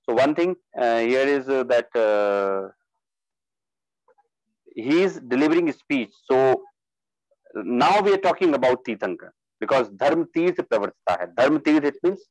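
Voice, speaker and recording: A man leading a religious study class, talking in a halting way with many fillers and putting questions to the group. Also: mid-range voice, lively intonation, darkish tone, no room sound, poor audio.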